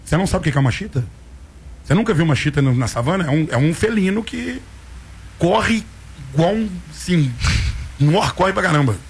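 Sotaque mineiro, voz um pouco aguda e rouca, comentarista provocador. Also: male voice, fairly high pitch, animated, brisk, vocal fry, long pauses, breathy edge. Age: 40s. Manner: teasing, playful banter. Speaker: sports radio co-host. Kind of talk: joking sports talk.

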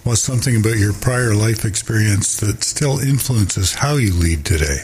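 A man's voice: on the low side, moderate pace, darkish tone, a little hiss or hum. A man interviewing a candidate with brief, direct questions.

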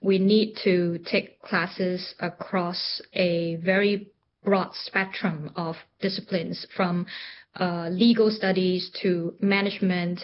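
A woman's voice: lowish voice, fairly even intonation, takes it slowly, muffled recording. A middle-aged woman from Hong Kong, an entrepreneur guest in an interview, speaking thoughtfully with frequent ums and restarts. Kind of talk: reflective interview conversation.

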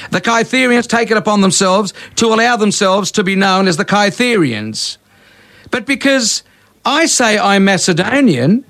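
A man's voice: high voice, a bit bright. A blunt, indignant man from Greece, ranting heatedly on talkback radio.

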